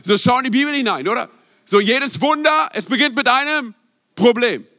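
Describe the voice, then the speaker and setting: A man's voice: very high-pitched, expressive, moderate pace, pushed and bright. A young adult male pastor preaching a passionate sermon, emphatic, often asking the listeners rhetorical questions and mixing in English words. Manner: mixes English words into speech.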